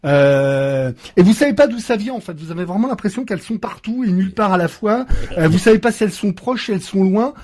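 A man with a notably high voice narrates a tabletop game as its game master. He hesitates often, filling gaps and restarting his sentences. He drops playful sound effects into his scene-setting, heard over a computer microphone on an online call. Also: expressive, quick pace, few pauses, darkish tone.

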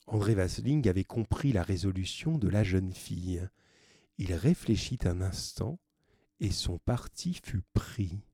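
A man narrating a classic novel as an audiobook, in a measured, even reading. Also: low-pitched, creaky, husky, no echo, studio quality.

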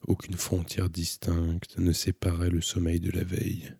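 A man calmly reading a novel aloud as an audiobook narrator, in a measured, introspective way. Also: low voice, gravelly, slightly rough, dry recording.

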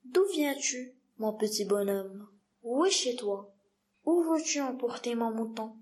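A woman reading the lines of a patient grown-up male pilot in a storybook reading, gentle and unhurried. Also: on the high side, animated. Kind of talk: read-aloud storybook dialogue.

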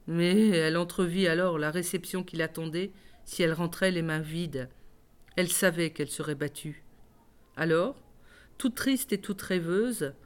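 A woman reading a traditional tale aloud in a measured, expressive storytelling voice. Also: on the low side. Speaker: reader. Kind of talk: storybook narration. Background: faint music.

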